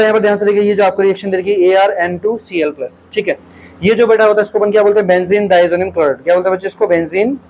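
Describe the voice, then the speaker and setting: A man's voice: high voice, darkish tone, slight background noise, rough recording. A male teacher solves exam questions aloud in a lecture, keeps calling his students "beta", and asks questions and repeats the answers.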